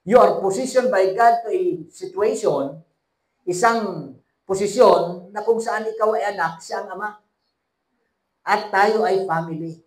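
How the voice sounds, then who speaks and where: A man preaching a sermon as pastor, calling out to the congregation and swinging between hushed and emphatic delivery. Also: high-pitched, unhurried, roomy sound, rough recording. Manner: preaching with call-and-response to the congregation.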